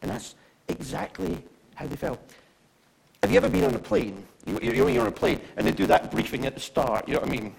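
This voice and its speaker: A man's voice: fairly high pitch, huge pitch swings, a little fast, gravelly, darkish tone, low-quality recording. A man preaching a conversational sermon, chatty and often asking his listeners questions. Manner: chatty, asks the audience questions.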